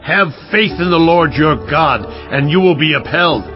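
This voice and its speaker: A man's voice: on the high side, lively intonation, a little slow, dull audio, faint music behind. An actor playing a devout biblical king who pleads and exhorts earnestly in a dramatized audiobook. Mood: rousing, exhorting. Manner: earnest, declamatory oratory. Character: pleading, devout king of Judah praying before his people.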